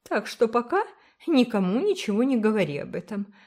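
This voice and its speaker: A woman voicing a brisk, kindly older village woman who speaks firmly and emphatically. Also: a little high, big pitch swings, a little mellow, pitched above the performer's own voice. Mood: emphatic. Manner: firm, emphatic, motherly.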